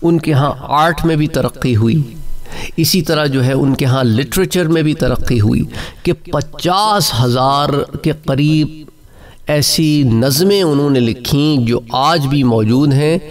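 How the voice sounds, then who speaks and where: A man's voice: a little high, unhurried. A man giving an Islamic religious lecture, explaining points in a conversational way and addressing listeners as brother. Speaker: Islamic preacher.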